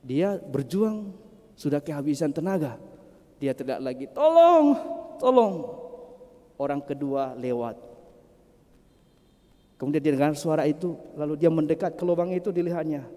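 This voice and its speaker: A male priest giving a Sunday homily in a measured way, rising to strong emphasis. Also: on the high side, fairly even intonation, mellow. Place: large cathedral. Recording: long cathedral reverb.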